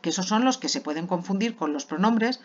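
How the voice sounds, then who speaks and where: A woman's voice: lowish voice, animated, brisk. A woman from teaching a grammar lesson patiently, often checking in with her students. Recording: dull lo-fi recording.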